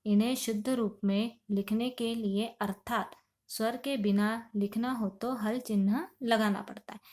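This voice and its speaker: Slow, patient woman teaching a lesson. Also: a little high, darkish tone. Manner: asks questions and answers them herself; patient, step-by-step explaining. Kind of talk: classroom lesson explaining Sanskrit grammar.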